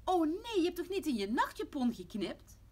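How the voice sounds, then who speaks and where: A woman's voice: on the high side, wildly swooping pitch, brisk, breathy edge, pitched above the performer's own voice, heavily acted. A woman doing a stern, scolding mother. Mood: cross. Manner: scolding, exasperated. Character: mother, stern but caring. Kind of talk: storybook reading.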